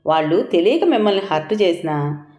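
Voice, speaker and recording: A woman reading a patient middle-aged wife in an audio storybook, speaking softly and reasonably, her voice lifting and falling a lot. The room gives it an echoey ring. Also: on the low side, animated, fairly quick, lightly acted. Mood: soothing. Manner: gentle, soothing, reasoning.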